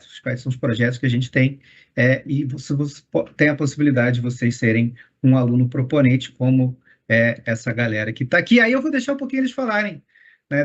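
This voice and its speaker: A man hosting an online meeting, explaining at length with many filler pauses over a video call. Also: medium pitch. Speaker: meeting host explaining the program. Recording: muffled call audio.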